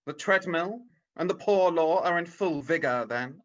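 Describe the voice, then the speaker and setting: A man's voice: on the high side, expressive, measured pace, a crowd in the background. An actor playing a miserly, scornful old businessman in a radio-style drama, curt and sneering, on a dull video call. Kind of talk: vintage radio drama acting.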